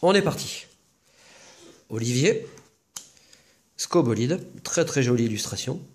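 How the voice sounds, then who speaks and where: A man's voice: medium pitch, lively intonation, a little slow, a little mellow. A man hosting a casual unboxing video, talking to viewers in a chatty, rambling way with jokey asides. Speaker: video host opening trading-card boxes.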